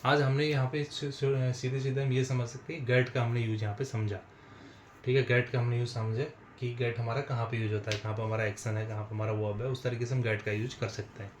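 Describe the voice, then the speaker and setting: A man teaching a spoken English lesson, explaining patiently and repeating phrases slowly for his viewers. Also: medium pitch, flat delivery, reverberant, slight background noise. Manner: slow, repetitive explaining, addresses viewers as friends.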